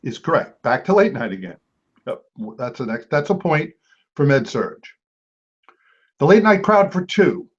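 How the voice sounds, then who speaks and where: A man's voice: on the high side, very animated, unhurried, long pauses, husky. A man hosting an online trivia game as quizmaster, playful, with jokey asides. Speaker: trivia quiz host. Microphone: video call. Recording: dull lo-fi video call audio.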